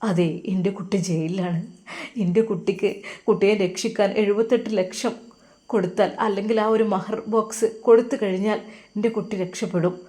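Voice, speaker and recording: A tearful, pleading old father, voiced by a woman storyteller. He talks softly with a Malappuram Malayalam lilt, his voice low and worn from grief. This is a spoken storybook figure. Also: steady tone, brisk, close to an everyday voice. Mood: despairing. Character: grieving elderly father pleading for his son.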